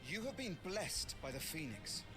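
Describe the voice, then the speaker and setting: Commanding, animated swordmaster. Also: male voice, sits high, normal speed, faint music behind, exaggerated voice. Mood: stern mentoring. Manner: commanding, theatrical, taunting. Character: stern, teasing male swordmaster drilling a young knight. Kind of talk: video game voice acting.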